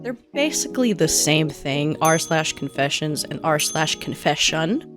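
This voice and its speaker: A woman co-hosting a podcast, chatting in a playful, giggly way with quick banter. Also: low voice, lively intonation, over music. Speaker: podcast co-host. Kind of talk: casual chat.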